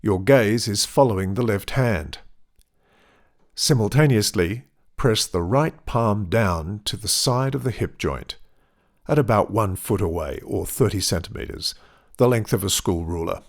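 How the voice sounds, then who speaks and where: Male tai chi teacher, lowish register, very unhurried instructional cues, deliberate phrasing. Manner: measured, deliberate phrasing with pauses.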